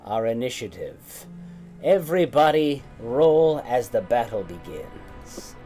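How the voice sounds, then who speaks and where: A man narrating a tabletop game as game master in a measured, descriptive way. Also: mid-range voice, very animated, dark tone, faint music behind.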